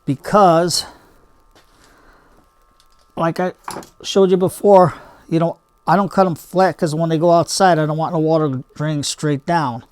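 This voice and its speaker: An older man with a slightly high voice talks through a hands-on demonstration in a casual, homespun way. He wanders into chatty asides as he goes. The sound is fairly dry and close. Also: fairly even intonation, unhurried, long pauses, a little mellow, clear, resonant tone, no echo. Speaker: bonsai hobby video host.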